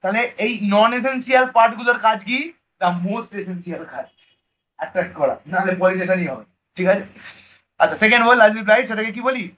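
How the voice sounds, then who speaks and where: A man's voice: high voice, a little fast, fairly bright tone. A male biology teacher with a Bengali accent, giving an online class lecture in a casual way. He quizzes his students, answers his own questions and drops English terms into his speech. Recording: dull lo-fi recording.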